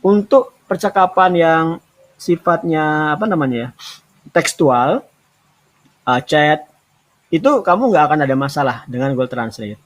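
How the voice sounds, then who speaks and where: A man hosting a talk show with an Indonesian accent, giving casual, relaxed advice with hesitations and restarts. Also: a little high, unhurried, pauses often. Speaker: podcast host giving remote work advice.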